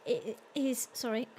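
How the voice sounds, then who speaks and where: Woman chatting between songs on her stream, lots of ums, a bit high voiced. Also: dark tone, slight background noise. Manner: chatty, with many ums, reading out viewer comments. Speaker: concert host and singer. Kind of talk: casual chat on a live stream.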